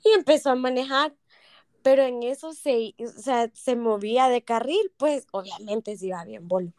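Podcaster, higher voice, dry close mic, lively storyteller. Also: female voice, moderate pace, dry recording. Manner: animated, acts out quoted voices. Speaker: podcast co-host. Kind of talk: casual storytelling chat.

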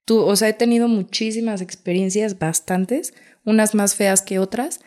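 A young woman with a Mexican accent, telling her experiences in a casual, lively interview and acting out what people said. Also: medium pitch, moderate pace. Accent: Mexican Spanish. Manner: lively, acts out quotes, frequent fillers. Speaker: guest.

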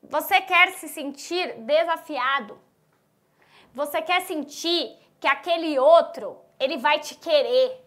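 A woman leads an online mini course with a high, bright voice. She talks straight to her audience in an animated, teasing way. She often slips into the voices of the people she describes. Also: takes it slowly. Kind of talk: lively live-class teaching.

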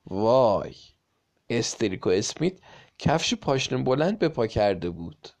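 Gravelly man reading a kids' story. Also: medium pitch. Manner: lively, dramatic reading with playful emphasis. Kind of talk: reading a children's story aloud.

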